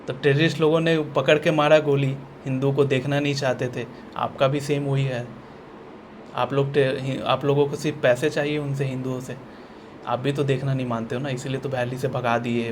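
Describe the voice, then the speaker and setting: A man's voice: mid-range voice, fairly even intonation, normal speed, noisy background. A man talking in a blunt, sarcastic ranting style, often repeating himself and restarting sentences, as a vlogger. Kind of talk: ranting opinion vlog.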